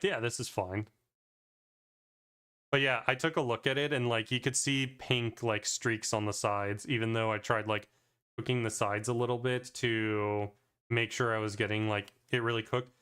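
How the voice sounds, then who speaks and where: Going back over his own speedrun, a man offers laid-back commentary on the gameplay in a medium-pitched voice that is a bit bright, clear and resonant. He talks in a loose, meandering way, leaning heavily on "like" as a filler.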